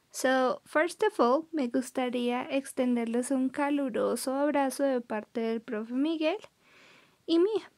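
A young woman teaching an English vocabulary lesson, modelling each word's pronunciation slowly and clearly, switching between English and Spanish. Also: high-pitched, a little mellow. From Colombia. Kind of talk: recorded classroom lesson.

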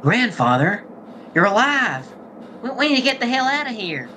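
Casting: man voicing a frantic young grandson, high, bright, and animated. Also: slight background noise, full character voice. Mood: panicked. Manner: rushed, high-pitched and urgent. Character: young male grandson, panicked.

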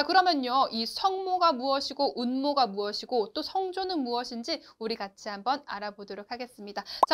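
A woman teaching a beginners' Chinese lesson, explaining clearly and asking the learners to repeat after her. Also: sits high, a bit bright. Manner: slow, clear instruction with drawn-out model syllables; addresses learners directly and asks them to repeat. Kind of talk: online lesson.

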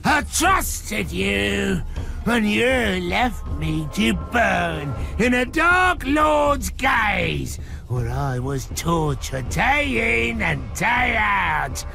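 An intense, embittered orc follower from a fantasy game. His high, gravelly voice rises and falls widely, with faint music behind. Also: big pitch swings, very slow, pushed and bright, exaggerated voice. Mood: anguished rage. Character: betrayed male orc follower, bitter and intense.

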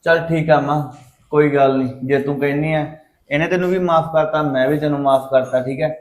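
A man playing a fast, lecturing soldier son, Punjabi accent, somewhat high voice. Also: fairly even intonation, roomy sound, lightly acted. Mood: stern. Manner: scolding, lecturing. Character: stern soldier son, young adult man, quick-tempered. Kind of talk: Punjabi short film acting.

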